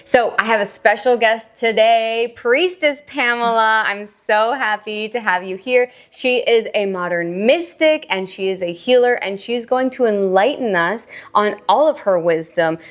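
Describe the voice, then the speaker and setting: A woman's voice: fairly high pitch, measured pace, few pauses. A young woman hosting a spiritual podcast, upbeat and enthusiastic as she welcomes a guest. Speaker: podcast host. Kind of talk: casual podcast chat.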